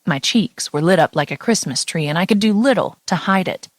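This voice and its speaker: Woman reading a romance audiobook, lowish voice, dry close mic, confessional feel. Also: lively intonation, fairly quick, no room sound. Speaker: audiobook narrator. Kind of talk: first-person romance audiobook narration.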